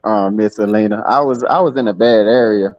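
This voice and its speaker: A man joining a live talk panel over an online call, speaking in a relaxed, slangy way with lots of filler words. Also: fairly low pitch, brisk, no echo. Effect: voice coming through an online call, dull and sometimes breaking up. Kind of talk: casual chat. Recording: dull, dry online call audio.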